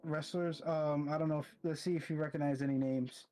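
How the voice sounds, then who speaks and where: A man's voice: fairly high pitch, steady tone, a little fast, darkish tone, faint music behind. Rambling young man on a voice call. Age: young adult. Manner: rambling, stumbling over words. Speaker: college student guest. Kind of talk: casual chat over a voice call.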